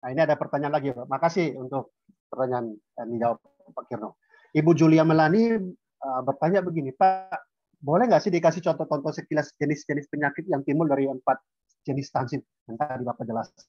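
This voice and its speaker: A man's voice: fairly high pitch, darkish tone. A man moderating a webinar over a video call, politely reading out audience questions. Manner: polite, quick. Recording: dull dry lo-fi call audio.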